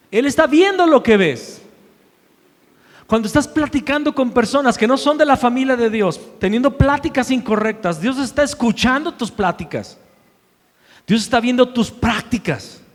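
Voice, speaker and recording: A man preaching a sermon as pastor, emphatic, repeating key phrases and swinging between loud declarations and hushed asides. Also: very high-pitched, expressive, moderate pace. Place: church sanctuary. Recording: long hall reverb.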